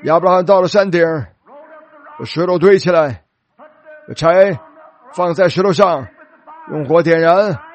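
A man preaching a sermon, telling a story dramatically and slowing down for emphasis. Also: on the high side.

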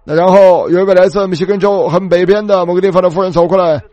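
High-voiced man preaching with a story. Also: quick pace, dry recording, muffled recording. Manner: animated, repetitive storytelling with lively retold dialogue. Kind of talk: storytelling sermon.

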